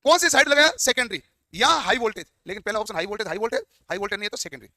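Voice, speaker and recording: A high-voiced man lectures at a quick clip. His tone is bright and forceful as he quizzes the class and answers his own questions. The sound is dry and close. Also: very animated, no echo. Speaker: teacher.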